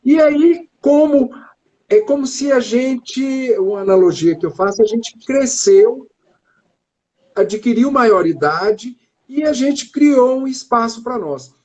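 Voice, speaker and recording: A man from Brazil, a chemistry professor, explaining his field in a live-stream interview with measured, drawn-out phrasing. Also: extremely high pitch, lively intonation, darkish tone.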